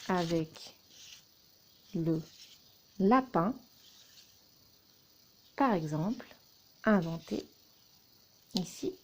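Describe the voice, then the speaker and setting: A woman teacher talks a young child through a classroom word game at a very slow, careful pace. Her voice is dark and soft, with a husky grain. She spells out letters and splits words into syllables, one at a time. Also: on the low side, lively intonation. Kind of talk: recorded lesson for young children.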